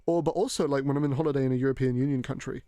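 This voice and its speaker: A young man from Hong Kong hosting a casual podcast chat, telling animated stories and acting out the people he quotes. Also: mid-range voice, racing, dry recording. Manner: animated storyteller, acts out quoted voices. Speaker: podcast host.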